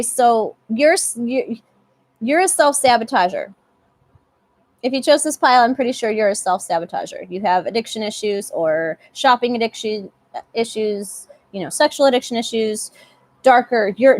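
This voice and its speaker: A woman's voice: on the high side, no echo. A young woman giving a casual live tarot reading, chatty and often repeating herself. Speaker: tarot reader.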